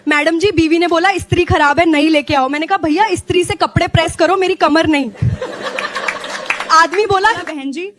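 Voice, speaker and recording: Brief: high-pitched woman joke teller, noisy recording, brisk storytelling. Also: steady tone, fairly bright tone. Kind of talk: scripted joke narration.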